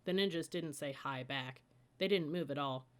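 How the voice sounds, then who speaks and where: At a moderate pace, a woman in a slightly low voice narrates a story for children, taking the listener through its scenes the way a storybook reader would.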